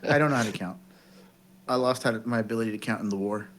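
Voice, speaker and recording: A man's voice: fairly low pitch, quick pace. A man in his thirties co-hosting a casual live stream, joking and sarcastic. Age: 30s. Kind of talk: casual group chat.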